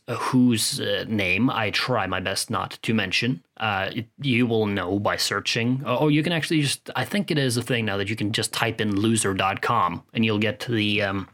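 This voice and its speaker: Man rambling in a low voice. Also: a bit bright. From Norway. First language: Norwegian. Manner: rambling, frank, swears freely, many restarts. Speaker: podcast host. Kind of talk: casual solo monologue.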